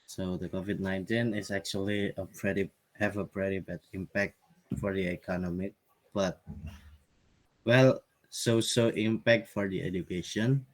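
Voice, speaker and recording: A man's voice: sits low, fairly even intonation, normal speed, low-quality recording. A man moderating a student presentation on a video call, speaking informally. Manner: informal, switching between English and Indonesian.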